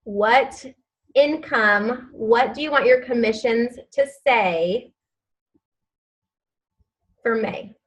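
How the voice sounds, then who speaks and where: A woman's voice: fairly high pitch, very slow, pauses often, fairly bright tone, low-quality recording. A woman leading a live online training session for her sales team, chatty and upbeat with lots of fillers, giving step-by-step instructions and repeating key phrases. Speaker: direct-sales team leader.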